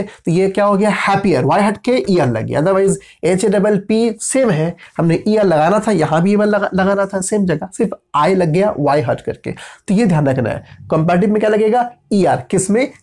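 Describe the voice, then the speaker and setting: A man with a high, expressive, slightly mellow voice teaches a grammar lesson at a moderate pace. He patiently spells out letters and checks in often with his listeners.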